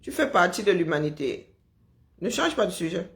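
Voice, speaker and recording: A woman's voice: fairly low pitch, sing-song, moderate pace, gravelly. Mocking woman taunting a rival. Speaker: live stream participant. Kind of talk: heated online argument.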